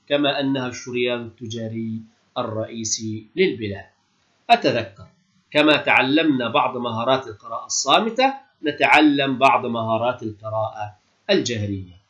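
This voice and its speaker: Male teacher, patient and encouraging, reads words out clearly; dull lo-fi recording. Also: mid-range voice, fairly bright tone. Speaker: Arabic teacher. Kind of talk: classroom lesson explanation.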